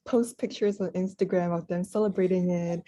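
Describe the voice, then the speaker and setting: A woman's voice: on the low side, steady tone, brisk, dark tone, dry recording. A young woman from Malaysia co-hosting a student podcast, asking questions and chatting casually. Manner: friendly, frequent mm-hmm backchannels. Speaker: podcast co-host.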